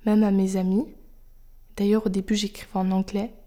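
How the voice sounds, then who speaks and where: Her voice warm, mellow and mid-pitched, a young French-speaking woman hosts a personal podcast, musing aloud in a confiding tone that occasionally fades nearly to a whisper. The delivery is flat, unhurried and reflective, as though she's letting listeners in on her own thoughts.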